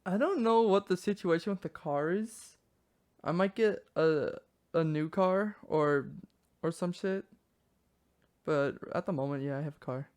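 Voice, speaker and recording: A young man co-hosting a casual podcast, teasing and bantering excitably with his co-host. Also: a little high, unhurried, clean tone.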